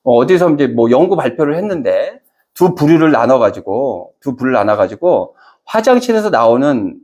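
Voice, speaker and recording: Preaching on a Sunday, this pastor speaks with a high-pitched yet darkish voice. He throws questions at the congregation only to answer them himself, and he dramatizes quotations by acting them out in different voices.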